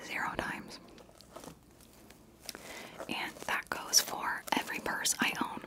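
Whispering woman doing tingly ASMR mouth sounds. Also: slow pace. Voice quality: breathy, unvoiced whisper. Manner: rambling, casual, playfully repeats words and short phrases. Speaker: ASMR video creator.

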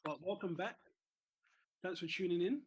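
A man's voice: sits high, normal speed, husky. A man hosting a sports business podcast from home, friendly and hesitant with many fillers. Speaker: podcast host. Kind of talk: casual podcast interview.

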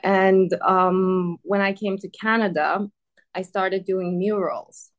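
A mid-range voice with fairly even intonation, delivered slowly, belongs to an Iranian woman, a native Persian speaker. As an artist being interviewed, she answers hesitantly, laughing frequently and saying "like" and "um" a lot.

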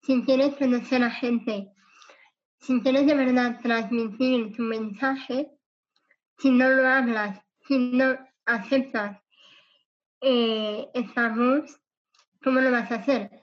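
Woman, altered strained voice after cancer, high-pitched, slow and earnest, dull lo-fi sound. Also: steady tone. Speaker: podcast guest. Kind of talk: interview conversation.

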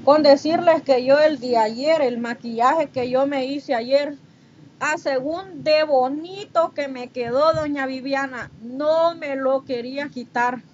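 A woman with a Honduran Spanish accent chats casually with viewers on a livestream while doing her makeup, reading and answering their comments. Her voice is high, slow, and a little mellow, and the stream audio is muffled and noisy.

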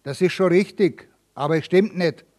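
A man's voice: high voice, moderate pace, darkish tone. A man doing a humble, earnest village neighbour. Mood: insistent.

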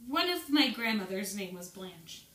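A woman chatting casually and eagerly, quick to jump in with her opinions. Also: mid-range voice, big pitch swings, a bit bright. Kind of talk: casual chat. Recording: echoey, from a distance.

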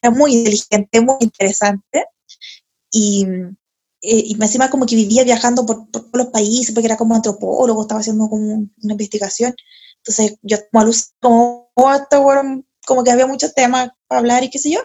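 A woman's voice: a little high, fast, slightly rough. Slangy young Chilean woman telling a story. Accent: Chilean Spanish. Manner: animated, slangy and profane, laughing often. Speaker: podcast host. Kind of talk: casual storytelling chat.

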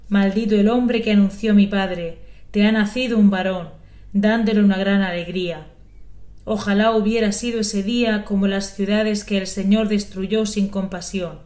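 Woman reading a bible passage, measured and even, mid pitch, roomy church sound. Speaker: lay reader. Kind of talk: liturgical scripture reading. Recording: echoey church.

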